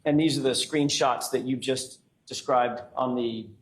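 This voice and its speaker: A male defense attorney in a courtroom recording, pressing a witness with rapid-fire cross-examination questions. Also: mid-range voice, steady tone. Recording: echoey courtroom audio, faint noise.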